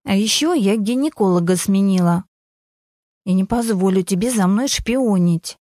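A cool, dismissive young mother with a dry, sarcastic edge, as a woman reads her. Her delivery is unhurried and mellow, recorded close and dry. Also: mid-range voice, dry recording, close to an everyday voice.

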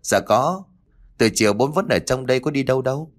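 A man's voice: mid-range voice, lively intonation, a little fast, pitched above the performer's own voice, lightly acted. A man doing a chatty young boy. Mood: eager. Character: young boy, older son, eager.

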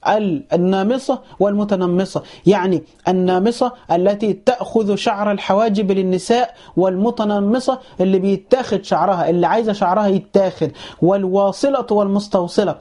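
A man with an Egyptian accent giving a Quran commentary lesson, asking questions and answering them himself and reciting verses slowly before explaining them. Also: high-pitched, mellow. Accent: Egyptian Arabic. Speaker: Quran teacher.

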